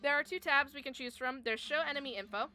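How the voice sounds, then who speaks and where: Woman streamer with a crisp, bright, slightly high voice, explaining a game in chatty live commentary. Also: fast talker, soft background music. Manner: chatty, explains game rules step by step with frequent fillers.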